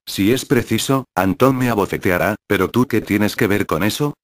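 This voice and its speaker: A man reading the lines of a defiant teenage boy from a juvenile colony, in a curt, even delivery. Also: on the low side, normal speed, no room sound, close to an everyday voice.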